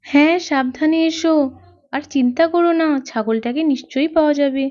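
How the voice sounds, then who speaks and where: A woman's voice: sits high, a little fast, a little mellow, dry recording, close to an everyday voice. A woman voicing a caring young mother in a doll story, fussing and talking to herself. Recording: dull lo-fi dry recording.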